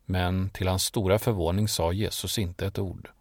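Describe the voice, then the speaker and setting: Low gravelly guy reading scripture story, dry close sound, calm and steady. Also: no echo. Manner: measured, solemn storytelling. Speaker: narrator. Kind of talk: scripted Bible narration.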